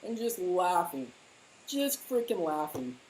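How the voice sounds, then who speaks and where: A woman's voice: lowish voice, very animated, slow pace, darkish tone, poor audio. Heated, mocking woman commentator. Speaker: political commentator. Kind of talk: casual political chat.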